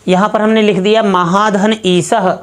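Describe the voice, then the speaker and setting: A woman's voice: medium pitch, little pitch movement, normal speed. A woman teaching Sanskrit grammar, walking through each step methodically and repeating herself as she works an example.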